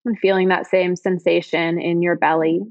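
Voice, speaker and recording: Soft-spoken woman guiding a meditation. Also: lowish voice, little pitch movement, no room sound, dull audio. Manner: slow, soft, soothing instructions with pauses. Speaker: meditation guide. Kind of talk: guided body-scan meditation.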